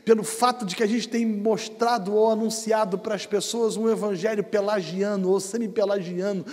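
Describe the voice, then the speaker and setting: A man preaching a sermon as a pastor, swinging from hushed, quiet storytelling to shouted, impassioned proclamation. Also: sits high, fairly even intonation, moderate pace. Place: church sanctuary. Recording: long hall reverb in a church.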